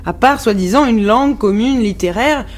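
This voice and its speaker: A woman's voice: on the high side, moderate pace, crowd noise. Outspoken woman musician. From Morocco. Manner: outspoken, frank, many restarts and fillers. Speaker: musician guest. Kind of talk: radio interview.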